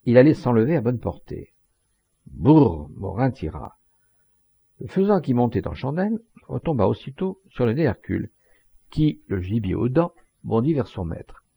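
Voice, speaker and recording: A man narrating a literary audiobook in a measured, expressive storytelling manner, with a gravelly voice. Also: medium pitch, no echo, highs cut off.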